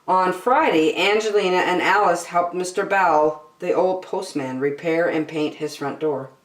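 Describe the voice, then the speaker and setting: In a roomy-sounding recording, a woman reads a children's story aloud, narrating expressively with dramatic phrasing for young listeners. Her pitch is fairly low and her pace a little slow.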